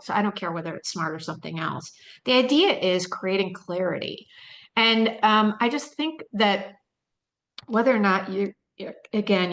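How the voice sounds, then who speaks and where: Chatty woman presenter, slightly low voice. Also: fairly bright tone. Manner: chatty, thinks aloud, with frequent "um" and rhetorical "right?"; storytelling, with quoted lines in a lifted voice. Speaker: webinar presenter. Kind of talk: conversational training lecture.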